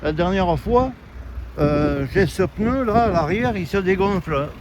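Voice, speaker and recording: A man's voice: high-pitched, animated, a little slow. Ranting man in his late sixties. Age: 60s. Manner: angry complaining, stammers and repeats himself. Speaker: retiree vlogger. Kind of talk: ranting vlog to camera. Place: outdoors on a street by traffic. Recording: outdoor street noise behind.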